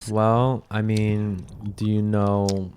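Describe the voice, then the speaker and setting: A man's voice: on the low side, flat delivery, very slow, a little mellow, clear, resonant tone. A man co-hosting a podcast in casual chat, dry, teasing and self-deprecating. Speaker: podcast co-host.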